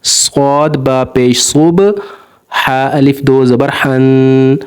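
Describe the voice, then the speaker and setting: Smooth and mid-range, this male voice keeps a level tone while teaching Quran recitation. He sounds out each letter and syllable, then stretches the combined word slowly and with patience.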